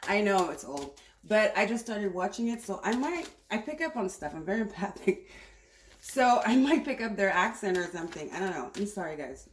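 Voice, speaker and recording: A woman's voice: mid-range voice, very animated, normal speed, slight background noise. Chatty woman reading tarot in a roomy space. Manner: rambling, chatty, thinking aloud. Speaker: tarot reader. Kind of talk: casual spiritual reading. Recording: roomy echo.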